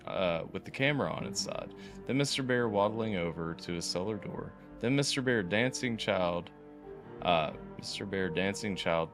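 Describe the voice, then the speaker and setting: A podcast host reads a horror story aloud, uneven in delivery and stumbling and restarting now and then. His voice is fairly low in pitch with a fairly bright tone.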